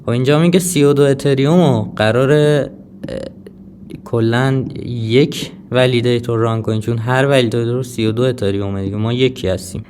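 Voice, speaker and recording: A man's voice: medium pitch, fairly even intonation, a little mellow, slight background noise. Hesitant man walking viewers through a tutorial. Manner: hesitant, many filler sounds, addresses viewers directly. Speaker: crypto tutorial presenter. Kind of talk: casual screen-recorded tutorial.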